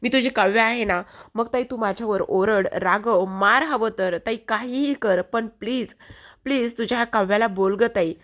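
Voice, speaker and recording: A woman's voice: a little high, moderate pace, fairly bright tone, natural voice. A woman voicing a young woman who pleads with her silent older sister, raising her voice in insistent begging. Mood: pleading.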